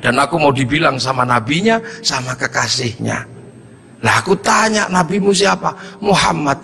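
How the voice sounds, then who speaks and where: A man voicing a calm, gentle older holy man who explains things mildly. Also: a little high, normal speed, gravelly, big-room sound, a little hiss or hum, voice pushed down, exaggerated voice. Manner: mild and explaining.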